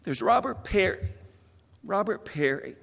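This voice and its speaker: Man pastor, measured memorial sermon, slightly high voice, reverberant church sound. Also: big pitch swings, creaky, a bit bright, slightly rough. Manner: earnest, measured, quoting scripture.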